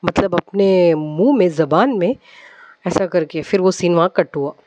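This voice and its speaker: A woman's voice: lowish voice, unhurried, darkish tone, no echo. A woman on a devotional channel casually retelling a dream, rambling, with many fillers and English words mixed in.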